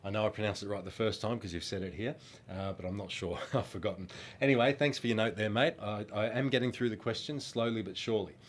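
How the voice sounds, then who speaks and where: Speaking at a quick pace in a lowish voice, a middle-aged Australian man handles fan questions. He used to sing in a children's band, has a nose blocked by a cold, and keeps it casual, friendly, and rambling with lots of ums.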